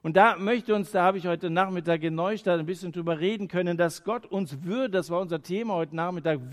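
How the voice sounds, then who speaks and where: A man preaching a sermon in earnest, moving between emphatic lines and quiet, hushed phrases, with the odd hesitation as he thinks aloud. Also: a little high.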